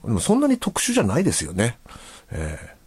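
A man's voice: medium pitch, wildly swooping pitch, fast, a little mellow, husky, no echo. A male radio host chatting casually and reading listener letters, with a chatty, easygoing manner and frequent filler words.

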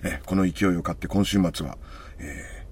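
A man's voice: sits low, a little fast, slight background noise. A man co-hosting a radio show, chatting casually and reading listener letters. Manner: warm lively banter, reads listener letters. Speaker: radio co-host.

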